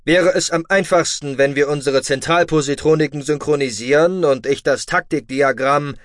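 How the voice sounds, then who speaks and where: A man putting on a shrill, panicking alien commander. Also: moderate pace, a bit bright, no room sound, studio quality, lightly acted. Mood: nervous. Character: panicking male alien fleet commander, overwhelmed.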